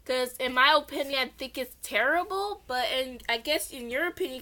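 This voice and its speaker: A young woman, an amateur narrator, casually reads her own story aloud in a chatty way, rambling into informal, self-deprecating asides. Her voice is a little high, pushed, and bright.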